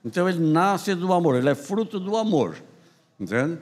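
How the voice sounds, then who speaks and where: An older man in his eighties with a Southern Brazilian accent spins long, rambling stories, restarting his sentences as he goes. His voice sits a bit high for a man. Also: moderate pace. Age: 80s. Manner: rambling, animated storytelling with many restarts. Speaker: guest writer. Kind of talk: storytelling interview.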